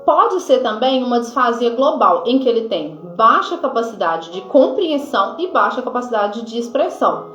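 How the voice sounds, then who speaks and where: A woman nurse with a Brazilian accent gives an informal health lesson, with many fillers and pauses to check her notes. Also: a little high, big pitch swings, a bit bright. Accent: Brazilian Portuguese. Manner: informal teaching, frequent fillers like "né" and "tá"; reads from notes at times. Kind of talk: explanatory health lesson to camera. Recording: echoey room, dull lo-fi sound, faint music.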